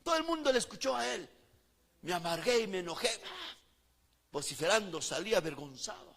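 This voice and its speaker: A man preaching a fervent sermon, swinging between loud calls and hushed words. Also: sits high, expressive, a little fast, creaky, big-room sound. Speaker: pastor.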